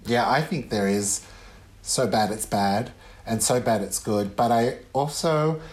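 Rambling man guest on a podcast. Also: mid-range voice. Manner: rambling, halting with many restarts and ums. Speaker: guest author. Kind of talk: casual interview chat.

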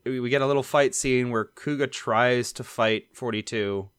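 A man's voice: mid-range voice, normal speed, a bit bright, smooth, dry recording, clean studio sound. A man co-hosting a podcast, recapping an episode in casual chat with hesitant fillers. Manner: recaps plot with hesitant fillers and quoted lines. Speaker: podcast co-host recapping an anime.

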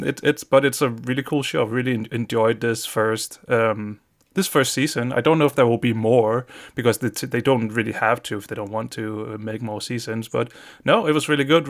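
A Danish-accented man co-hosting a podcast, chatting casually in a gravelly, mid-pitched voice. He talks haltingly, restarting his sentences often. His English carries a clear Danish accent. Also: fairly bright tone. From Denmark. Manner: halting, many restarts and fillers. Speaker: podcast co-host. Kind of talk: casual chat.

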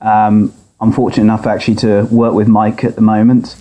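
A man explaining technical work as a podcast guest, recorded through a laptop speaker rather than a proper microphone, in a measured conversational way. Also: on the low side, little pitch movement, dark tone. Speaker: podcast guest, software architect. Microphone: laptop's built-in audio, not a microphone. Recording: picked up by laptop speaker, poor audio.

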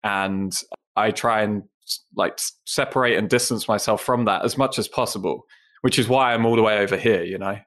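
A low-pitched English man in his thirties talks as a podcast guest. He rambles casually, peppering his answers with fillers and self-deprecating asides. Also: normal speed, a bit bright. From England (Essex). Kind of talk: casual interview chat.

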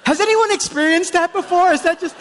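High-voiced animated preacher man. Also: fairly quick. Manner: animated storytelling, acts out quoted voices loudly. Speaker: pastor. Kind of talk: sermon with personal stories.

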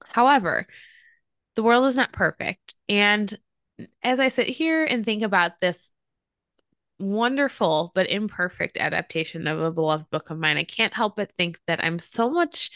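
A woman's voice: medium pitch, a bit bright, no echo. Chatty woman podcast host, dry sound. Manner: gushing, chatty, many fillers. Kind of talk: casual book and film chat.

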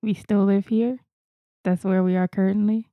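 A woman's voice: medium pitch, fairly even intonation, moderate pace, no room sound, phone-quality sound. A woman from Florida with an American accent, chatting casually as a podcast co-host. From Florida, United States. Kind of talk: casual chat, self-introduction.

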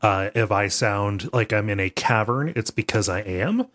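A man's voice: on the low side, moderate pace, a bit bright. A man hosting a podcast in casual chat from a freshly painted room with no soundproofing, his voice echoing off the bare walls as he talks with lots of restarts. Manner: chatty, stumbling restarts. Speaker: podcast host. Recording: echoey unsoundproofed room.

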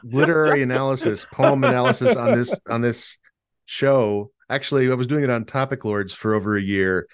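A man's voice: mid-range voice, animated, brisk, clear, resonant tone, no echo, clean studio sound. A man hosting a podcast, chatting casually and laughing often. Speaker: podcast host. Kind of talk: casual chat.

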